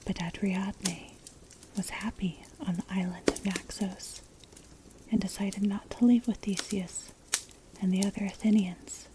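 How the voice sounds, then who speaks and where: A woman reads a storybook tale entirely in a soft, breathy ASMR whisper. Her delivery is measured and gentle, with very little rise and fall. She is close to the microphone, with a crackling, clicking fire noise clearly behind her. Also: mid-range voice, fairly even intonation. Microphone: close mic, ear-to-ear ASMR.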